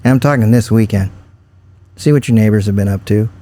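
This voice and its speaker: A man's voice: on the low side, a little fast, dark tone. A man co-hosting a local podcast in casual chat, a news writer who tells stories in a dry, explanatory way.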